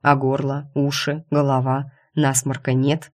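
A woman's voice: a bass voice, level tone, a little slow. A woman reading the part of a caring, insistent male doctor who worries over his sick wife, in an audiobook. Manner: fussy and insistent about her health.

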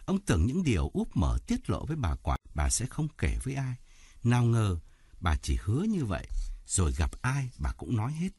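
A man narrating an audiobook story with expressive delivery. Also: medium pitch, moderate pace, breathy edge, no echo.

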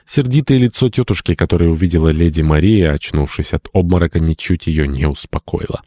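A male audiobook narrator reads in a measured storytelling manner. His voice sits very low and deep. The recording is dry and close. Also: mellow, dry recording. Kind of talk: scripted narration.

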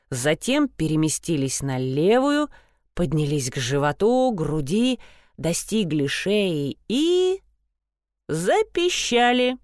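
A woman narrating a first-person story with a wry, lively manner. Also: lowish voice, dry recording, clean studio sound. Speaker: audiobook narrator.

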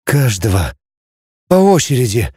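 A man's voice: medium pitch, sing-song, measured pace, darkish tone, husky, no room sound, clean studio sound, exaggerated voice. A man voicing a desperate young male graduate torn by grief, speaking in broken outbursts. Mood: vengeful.

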